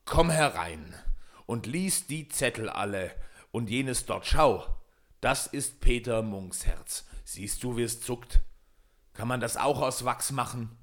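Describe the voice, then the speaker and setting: A man voicing a huge male forest giant in a fairy tale, gruff and forceful. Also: mid-range voice, animated, takes it slowly. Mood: boastful.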